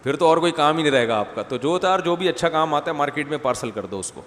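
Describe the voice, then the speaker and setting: A man's voice: on the high side, expressive, fairly bright tone. Man preaching in a reverberant hall. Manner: informal asides and rhetorical questions to the audience; humorous wordplay. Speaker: religious scholar giving a lecture. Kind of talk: conversational religious lecture. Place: mosque gathering after night prayers. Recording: long hall reverb, faint background noise.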